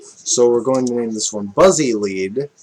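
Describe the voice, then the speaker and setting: A man talks at an unhurried pace through a relaxed music tutorial, stopping to think and correct himself as he goes. His pitch sits in an ordinary middle range, and bits of music play behind him. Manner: relaxed, thinking aloud with fillers and self-corrections. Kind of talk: casual screen-recorded music tutorial.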